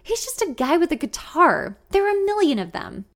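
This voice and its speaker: A woman's voice: very high-pitched, sing-song, moderate pace, fairly bright tone, pitched above the performer's own voice, full character voice. A woman reading the lines of a cynical, protective young man who is a close friend, blunt and teasing. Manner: blunt, teasing, then apologetic.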